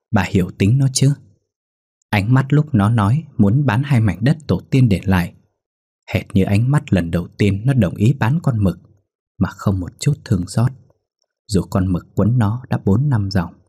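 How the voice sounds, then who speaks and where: Husky man narrating a ghost story. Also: low voice, warm tone.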